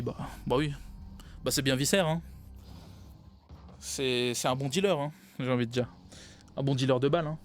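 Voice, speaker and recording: A man casting a video game match live for a stream, tired, rambling and correcting himself as he goes. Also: medium pitch. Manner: rambling, self-correcting, laughs at own slips. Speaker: esports caster.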